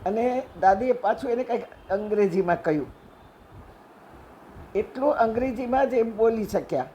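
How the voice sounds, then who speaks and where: Gently moralizing woman storyteller. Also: fairly high pitch, expressive, normal speed, a little hiss or hum, poor audio. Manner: conversational, gently moralizing, acts out quotes. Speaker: religious storyteller. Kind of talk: devotional discourse with anecdote.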